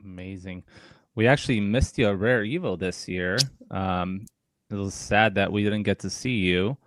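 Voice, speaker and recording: A man hosting a casual community show, talking in a relaxed way with lots of fillers. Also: fairly low pitch, moderate pace, background noise. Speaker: host. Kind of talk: casual chat.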